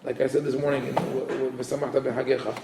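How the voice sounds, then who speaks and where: A rabbi teaches in a relaxed, conversational way, often restarting his sentences as he explains old texts. His voice is a man's voice, middle in pitch. The room around him is echoey. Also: noisy background. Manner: conversational, restarts often, reads Hebrew quotes quickly then translates. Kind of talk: informal Torah lesson.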